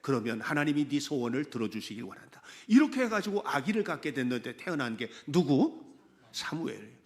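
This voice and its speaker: Male pastor, sermon, animated, lively pitch swings, fairly high voice, direct questions to listeners. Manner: animated, asks the congregation many questions.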